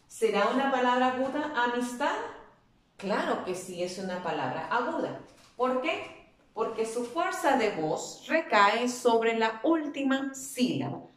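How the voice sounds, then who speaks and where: A woman's voice: a little high, very animated. A woman teacher giving a spelling lesson to children, patiently drawing out and repeating words as she explains. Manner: patient, drawn-out repetition of words. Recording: echoey room.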